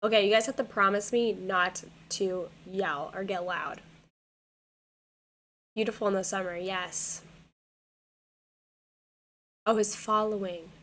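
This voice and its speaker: A young woman with a hoarse, worn voice talks to her stream audience at a desk mic in her home gaming room. She rambles casually, repeating words and leaning on fillers as her thoughts tumble out. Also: mid-range voice, steady tone, takes it slowly, long pauses, a bit bright, slight background noise. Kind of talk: casual chat with viewers.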